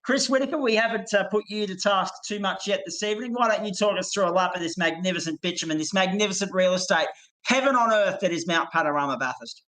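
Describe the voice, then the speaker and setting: A man's voice: high-pitched, fast, bright, forceful tone, poor audio. A man calling a sim race live, enthusiastic and florid, handing over to his co-commentators.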